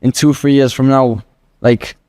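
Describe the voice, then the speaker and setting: A guest trader in his early twenties gives casual interview answers, earnest and rambling, relying on filler words as he thinks out loud. His ordinary-pitched voice is warm, mellow and clean, steady in tone and a little slow.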